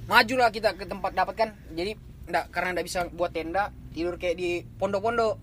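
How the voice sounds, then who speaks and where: A man's voice: high-pitched, brisk, fairly bright tone, slight background noise. A man telling a camping ghost story in casual chat, rambling and slangy. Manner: rambling, slangy, repeats himself while describing. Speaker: storyteller on a horror podcast.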